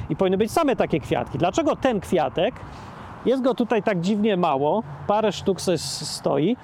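A high-pitched man holds forth outdoors, rhetorical and indignant. He hesitates and restarts often. Traffic hums faintly behind him. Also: darkish tone. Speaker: vlogger. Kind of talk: casual outdoor monologue.

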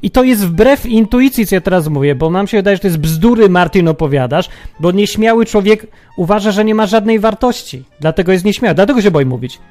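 A man's voice: high-pitched, animated, brisk, a little mellow, faint music behind. A man hosting a reflective religious monologue, musing aloud and asking many rhetorical questions. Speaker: podcast host.

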